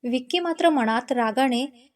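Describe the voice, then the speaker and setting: Mellow high-voiced woman storyteller. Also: measured pace. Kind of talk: scripted story narration.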